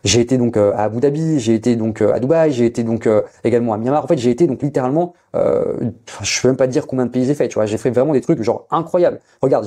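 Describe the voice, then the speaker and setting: A man from India, pitching his online business coaching to the viewer in a hyped, rambling way full of fillers. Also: dark tone. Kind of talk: casual direct-to-camera sales pitch.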